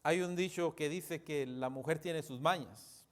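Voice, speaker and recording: A man preaching a sermon as pastor, emphatic, repeatedly calling out to the congregation, with sudden drops to a hushed voice. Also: fairly high pitch, measured pace.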